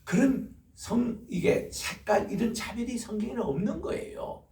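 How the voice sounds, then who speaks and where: Older pastor guy preaching, gravelly and lively, echoey church from far off. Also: very high voice, moderate pace. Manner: animated storytelling, acting out scolding voices. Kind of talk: sermon. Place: church sanctuary.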